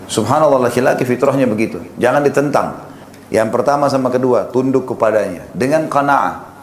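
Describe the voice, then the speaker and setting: A man giving a calm, explaining sermon as a preacher, now and then acting out short everyday dialogues. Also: mid-range voice, fairly quick, reverberant, slight background noise.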